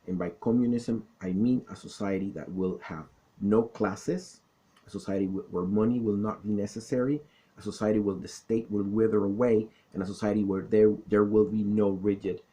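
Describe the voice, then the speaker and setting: A middle-aged man from South Florida with a Florida accent, explaining things in a deliberate, didactic monologue. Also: lowish voice, fairly even intonation, dark tone. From South Florida, born in the Caribbean. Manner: didactic, deliberate, checks in with "okay?". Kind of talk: explanatory monologue, political talk and recollection.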